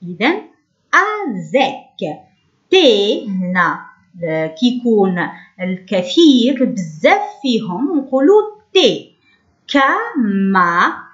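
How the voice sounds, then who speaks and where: A woman teaching young children a French phonics lesson, drawing out sounds slowly. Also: fairly high pitch, big pitch swings, muffled recording. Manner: slow, drawn-out pronunciation drills. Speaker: primary school teacher.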